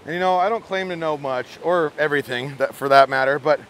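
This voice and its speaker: His fairly high-pitched voice is creaky and a bit bright, and he talks a little fast, with a little hiss or hum in the audio. He chats casually to viewers as a camping and fishing vlogger, folksy, playful and exuberant with quirky slang, over background music.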